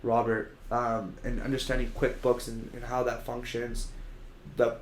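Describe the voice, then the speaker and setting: A man's voice: mid-range voice, completely flat delivery, measured pace, slight background noise. A man co-hosting a podcast, chatting casually in a rambling way with lots of fillers and restarts. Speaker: podcast co-host. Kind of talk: casual chat. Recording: echoey room.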